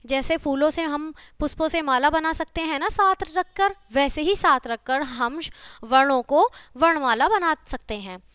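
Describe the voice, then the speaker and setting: A woman teaching a children's lesson, patient and checking often that the children follow, spelling out sounds slowly one by one. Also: sits high, a bit bright, no echo, studio quality. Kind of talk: classroom video lesson for children.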